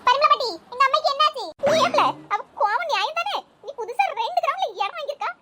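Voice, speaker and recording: Very high, chipmunk-like cartoon village women who gossip at a rapid clip. The squeaky voices race along over a loud hiss. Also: female voice, animated. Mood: chatty. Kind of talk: animated cartoon comedy voices.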